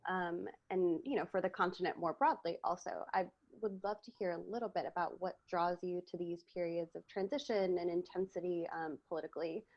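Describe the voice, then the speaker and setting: Low-voiced woman interviewer. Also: steady tone, brisk, hardly any pauses, lo-fi sound. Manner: warm thoughtful questions, many fillers. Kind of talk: conversational interview.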